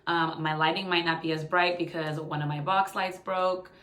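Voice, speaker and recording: Speaking at a moderate pace in a low-ish, fairly bright voice with flat delivery, a late-20s YouTube vlogger shares a candid, casual update with her phone from the living room. The room sounds echoey on the phone recording.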